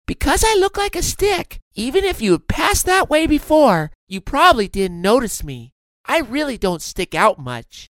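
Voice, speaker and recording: Musing stick bug: very high, swoopy pitch. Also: male voice, sing-song, normal speed, fairly bright tone, no echo, full character voice. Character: wondering male walking stick bug.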